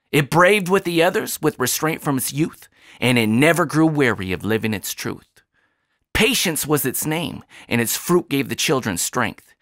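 A man's voice: on the high side, no echo. A man in his thirties performing a rhymed spoken word poem into a studio microphone, with rhythmic, emphatic delivery. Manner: rhythmic, expressive rise and fall, emphatic line endings. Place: small bright home studio, indoors. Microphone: studio condenser mic on stand.

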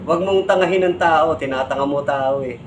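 A man's voice: fairly high pitch, a little fast, a little hiss or hum, low-quality recording. A man with a Filipino accent, a vlogger scolding another vlogger as he explains, ending his points with tag questions. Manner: lecturing, repeats "no?" and "di ba?" as tags.

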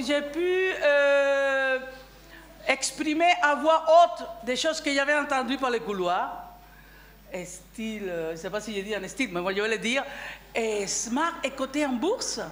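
A woman on a cooperative's board giving a candid personal speech at a general assembly, halting, with many restarts and fillers. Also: fairly high pitch, echoey room. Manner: candid, chatty.

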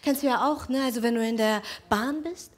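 A woman's voice: on the high side, a little fast. A woman from Iran performing spoken word poetry, with rhythmic, repeated rhetorical questions. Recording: loud music behind the voice.

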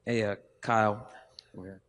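Reporter dude calling out from the room, lowish voice, bit of hiss. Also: male voice, little pitch movement, normal speed, fairly bright tone. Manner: chatty, laughs mid-question. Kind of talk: press conference questions.

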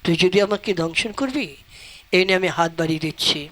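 A man voicing a calm, wise holy man in a folk puppet show, speaking in a preaching tone. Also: sits high, fast talker. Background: loud folk music.

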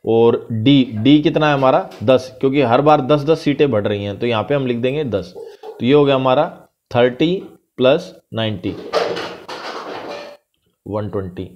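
The highs are cut off in this recording of a male math teacher whose mid-range voice sounds a little mellow. Speaking with an Indian accent over a screen recording, he goes through a worked problem step by step and reads the English question lines at a slow pace.

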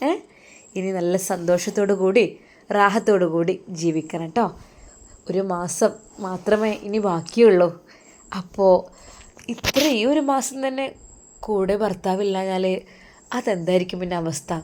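A woman's voice: mid-range voice, unhurried, pauses often, a little mellow, slight background noise, close to an everyday voice. Motherly older lady, coaxing and bossy, malabar malayalam accent, narrator puts her on.

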